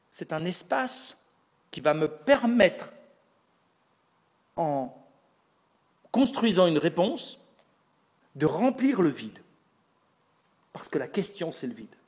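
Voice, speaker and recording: A man's voice: extremely high pitch, a bit bright. A man giving a lecture on religious texts, explaining step by step and posing rhetorical questions that he answers himself. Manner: explanatory, building an argument step by step. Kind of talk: recorded lecture.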